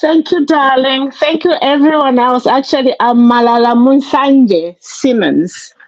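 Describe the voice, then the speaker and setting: A woman's voice: high-pitched, a little slow, no room sound, lo-fi sound. A woman from Zambia joining a podcast as a guest, friendly and cheerful.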